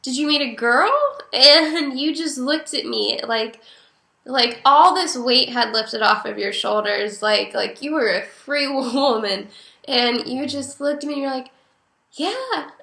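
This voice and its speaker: A woman's voice: a little high, measured pace, creaky, bright, forceful tone. A young woman telling her mother family stories in a casual, chatty, rambling way, often laughing. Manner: chatty, giggly, rambling with many fillers. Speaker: daughter speaking to her mother. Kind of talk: casual personal storytelling. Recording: roomy echo.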